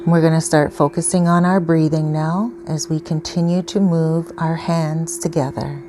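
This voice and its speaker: A woman leading a calm guided grounding exercise as a meditation guide, giving patient, step-by-step instructions. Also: low voice. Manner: slow, patient, instructional phrasing. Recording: clearly noisy ambient background.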